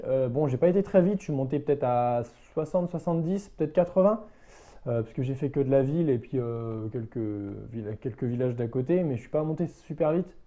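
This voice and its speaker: In a slightly high voice with a dark tone, a man reviews a product off the cuff as a motorbike vlogger. His delivery halts and hesitates, often looping back to reword things.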